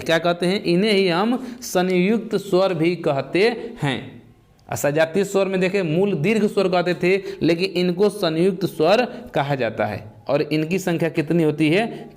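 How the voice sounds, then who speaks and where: A man teaching an exam-prep lesson, who asks the class questions and answers them himself, repeating the key terms step by step. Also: sits high.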